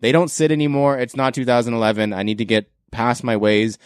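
A man's voice: medium pitch, little pitch movement, brisk, clear, resonant tone, no room sound, clean studio sound. A young man from Canada hosting a casual sneaker podcast, enthusiastic and slangy, laughing often. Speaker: podcast host.

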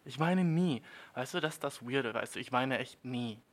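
A young man in a comedic monologue, talking in rambling street slang. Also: moderate pace. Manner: slangy, rambling, jumps to high squeaky mock voices.

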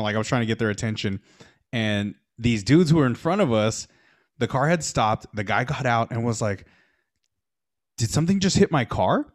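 A young man telling golf stories in casual chat, animated, acting out the people he quotes, with lots of fillers. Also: medium pitch, dry recording, studio quality. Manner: animated storyteller, acts out quoted voices, many fillers.

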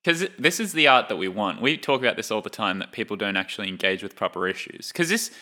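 A young man co-hosting a film podcast, talking in a relaxed, chatty way and laughing now and then. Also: lowish voice, fast. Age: young adult. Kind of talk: casual chat.

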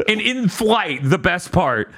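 Animated man recapping with goofy voices. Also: high-pitched. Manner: animated, acts out characters' lines in quick put-on voices, laughs often. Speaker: podcast host. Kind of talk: casual chat recapping an anime episode.

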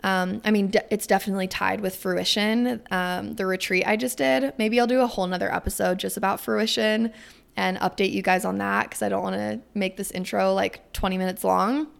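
A young woman podcast host and coach giving a casual, gushing promotional monologue, rambling and digressing, with some swearing and a creaky vocal fry. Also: medium pitch, fairly even intonation, brisk. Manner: gushing, enthusiastic.

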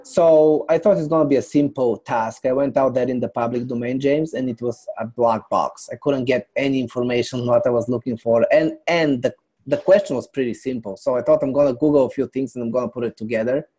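A middle-aged man from Bulgaria, a company founder explaining his business as a podcast guest in a measured way. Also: medium pitch, mellow, breathy edge. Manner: measured, explanatory, lists items. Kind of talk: business interview.

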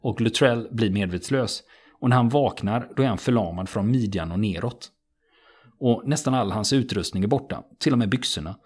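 A man with a fairly low, husky voice tells a true story to a listener in a podcast chat. His delivery is steady and matter-of-fact, moving through the account in plain, conversational sentences with frequent small hesitations.

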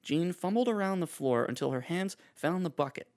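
A man narrating a scripted horror story in a steady, measured reading. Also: high-pitched.

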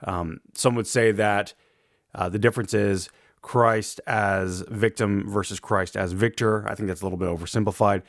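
A man lectures informally in a low, gravelly voice that sounds roughened by allergies. He explains carefully and qualifies his points as he goes. The recording is close and dry. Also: steady tone, moderate pace, no room sound. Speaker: theology lecturer.

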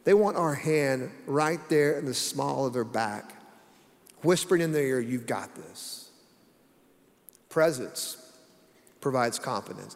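A middle-aged man preaching a conversational sermon as pastor, telling stories folksily and repeating key phrases for emphasis. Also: mid-range voice. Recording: long reverb of a large hall.

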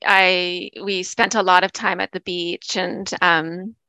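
A middle-aged woman from Vancouver Island, a professor, recalling her childhood in a relaxed interview, laughing often and filling pauses with "um". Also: fairly low pitch, vocal fry, clear, resonant tone, dry recording. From Canada, Vancouver Island. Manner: warm, reflective, laughs often, many "um"s. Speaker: guest, associate professor. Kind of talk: casual interview conversation.

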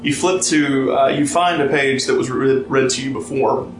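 A man narrating as game master of a tabletop game, relaxed and storytelling, reading lore aloud with fillers. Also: medium pitch, normal speed, a little hiss or hum. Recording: roomy sound with music behind.

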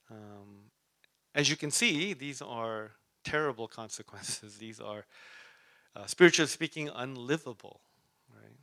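A man's voice: mid-range voice, a bit bright, dry recording. A man preaching a Bible lesson in a conversational way, often checking in with "right?". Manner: conversational, often asks "right?", uses fillers. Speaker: preacher teaching a Bible study. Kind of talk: sermon.

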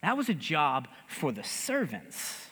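A man preaching a sermon in a church, his voice high and swinging widely up and down as he tells the story. He keeps it chatty and funny, and his words roll out into the long reverb of a big sanctuary. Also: slow pace, husky. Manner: conversational, humorous, animated storytelling. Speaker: pastor.

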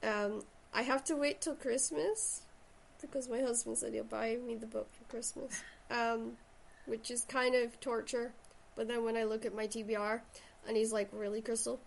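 A woman's voice: fairly high pitch, fairly even intonation, normal speed, vocal fry, slight background noise. A woman with a Shetland accent chatting casually and enthusiastically about books as a host. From Shetland, Scotland. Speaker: podcast host and writer. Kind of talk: casual book chat.

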